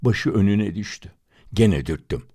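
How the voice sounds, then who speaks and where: A man reading a literary story aloud in first person, with an expressive, dramatic manner. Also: fairly low pitch, measured pace, slightly rough, dry recording. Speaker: audiobook reader.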